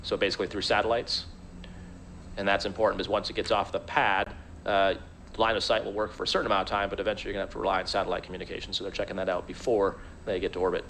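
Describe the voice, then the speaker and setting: A man's voice: deep voice, level tone, rapid-fire, fairly bright tone. A man giving live expert commentary in a conversational, explanatory way. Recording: faint background noise.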